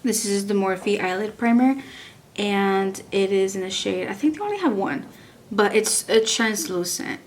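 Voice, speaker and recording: A woman's voice: medium pitch, expressive, unhurried, a little hiss or hum. A young woman from Texas, chatting casually through a makeup review and rambling with lots of likes and restarts. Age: young adult. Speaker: beauty vlogger.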